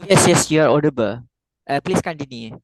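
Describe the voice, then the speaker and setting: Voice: mid-range voice, expressive, a little fast, no echo, low-quality recording. Dry-voiced webinar moderator. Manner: brief audio checks, encouraging. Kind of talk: hosting an online session.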